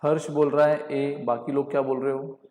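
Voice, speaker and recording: A man's voice: mid-range voice, flat delivery, heavy background noise. Indian man teaching in an echoey room. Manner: mixes Hindi and English, reads statements out slowly, calls on students by name. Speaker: online teacher. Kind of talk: live online lecture.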